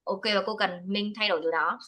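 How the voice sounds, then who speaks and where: A woman's voice: medium pitch, steady tone, fast talker, sharp tone, rough recording. A woman teaching speaking over a video call, switching between English and Vietnamese as she corrects a student firmly. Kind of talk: one-to-one speaking test feedback.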